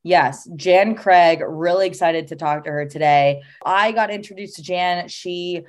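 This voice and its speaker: Woman podcast co-host, very low voice, enthusiastic, casual chat. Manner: enthusiastic, agreeable, quick laughs.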